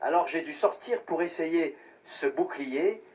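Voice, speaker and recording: An actor playing a clever young warrior hero in an audio drama, speaking in a calm, sly manner. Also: male voice, fairly high pitch, measured pace, distant mic.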